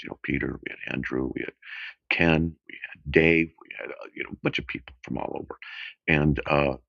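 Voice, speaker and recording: A middle-aged radio call-in host speaks off the cuff, casual, halting, and wandering, in a gravelly, very deep voice. The audio is dull, muffled lo-fi radio with no room sound.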